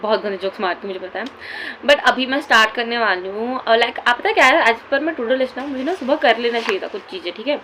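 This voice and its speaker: A woman's voice: a little high, fast, pushed and bright, a little hiss or hum. Chatty teenage girl with Indian accent. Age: teens. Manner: chatty, mixing Hindi and English, self-mocking. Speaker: student vlogger. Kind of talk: casual study vlog chat.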